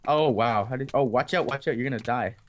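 A man's voice: mid-range voice, brisk. Young guy gaming with a sore throat, chatty, jokey, laughs a lot. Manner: chatty, joking, laughs often. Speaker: co-player. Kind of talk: casual gameplay commentary.

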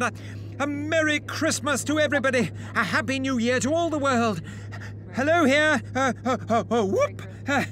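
Emotional, wide-swinging Scrooge, repentant miser. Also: male voice, extremely high pitch, a bit bright, a little hiss or hum. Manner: stammering, emotional, halting. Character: reformed old miser Scrooge, frantic, repentant, giddily joyful. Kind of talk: theatrical audio drama acting.

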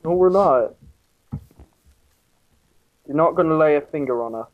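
A man's voice: on the high side, animated, measured pace, highs cut off. A young man chatting casually while gaming with a friend, trading dry, teasing comebacks. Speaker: gaming channel co-host. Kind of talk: casual gameplay chat.

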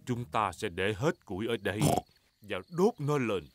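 A man's voice: lowish voice, sing-song, normal speed, music in the background. A man voicing a big, jolly, self-assured father pig in a Vietnamese cartoon dub, easygoing and reassuring. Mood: confident.

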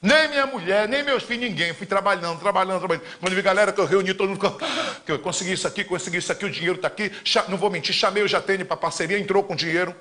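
A high-pitched, bright-voiced man in his fifties with a Paraense Brazilian accent, talking in a live-streamed campaign chat. His delivery is fiery and emphatic, jumping from loud proclamations down to muttered asides. He gestures broadly as he talks, recorded in a studio. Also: very fast. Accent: Paraense Brazilian Portuguese. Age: 50s. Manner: emphatic and fiery, swinging between loud declarations and low asides. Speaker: politician hosting a live Q&A. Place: indoor studio in front of a green screen.

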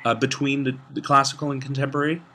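A man's voice: mid-range voice, flat delivery, quick pace, sharp tone. A man hosting an interview, asking long questions with many hesitant fillers. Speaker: interview host. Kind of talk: conversational interview.

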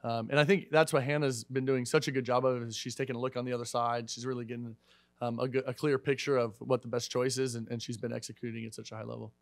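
A man in his thirties speaks quickly at a post-match press conference, leaning on fillers and restarts. His voice is close and dry at the desk mic, mid-pitched and easygoing. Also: level tone, gravelly, dry recording. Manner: fast, conversational, many fillers and restarts. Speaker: head volleyball coach. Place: media room in front of a sponsor backdrop. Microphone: desk microphone.

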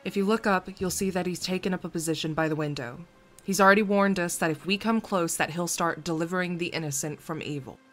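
A woman's voice: fairly low pitch, quick pace, over music, natural voice. A woman playing a wry, no-nonsense police lieutenant in an audio drama, sardonic and assertive. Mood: wry, brisk.

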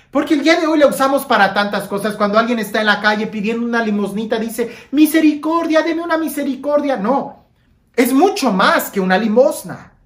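A woman's voice: medium pitch, reverberant. A woman preaching a Lenten sermon, dramatic, sinking to a near-whisper on key phrases and asking listeners questions. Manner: asks listeners rhetorical questions, leads breathing prayer.

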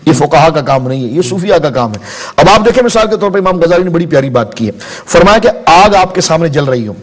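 A man in his forties, a religious scholar in a TV studio interview, explaining slowly with everyday examples and stories. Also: fairly high pitch, lively intonation. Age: 40s. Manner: measured, explains with examples and anecdotes. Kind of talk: studio interview, spiritual teaching.

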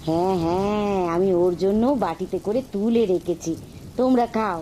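A woman's voice: medium pitch, normal speed, dark tone, a little hiss or hum, lightly acted. A woman voicing a loving village mother in a cartoon, talking in a tender, fretful way. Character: loving village mother, devoted to her daughter.

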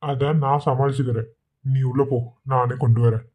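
A man voicing a loving, easygoing young village husband in a cartoon, talking in a soft, coaxing way. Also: medium pitch, fairly even intonation, normal speed, narrow, tinny audio, lightly acted.

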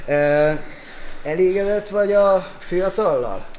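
A man's voice: sits high, expressive, a little mellow, slight background noise. A man interviewing wrestlers backstage with a handheld mic, asking teasing, pointed questions.

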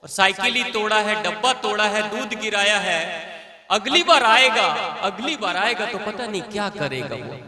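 Guy doing a weepy panicky village milkman, pitched way up, echoey hall with a crowd. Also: animated, normal speed, sharp tone, exaggerated voice. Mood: tearful wailing. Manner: pleading, tearful high wailing. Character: wailing frightened adult male village milkman.

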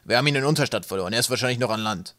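A man's voice: mid-range voice, very fast, bright, forceful tone, dry recording, clean studio sound, close to an everyday voice. A man voicing a talkative older male sky pirate, eager and rambling.

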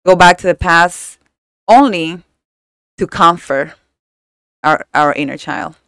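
Smooth-voiced earnest woman co-host. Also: fairly low pitch, slow, a bit bright, no room sound, studio quality. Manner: earnest, encouraging, often asks "right?". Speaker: podcast co-host. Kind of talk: casual book club chat.

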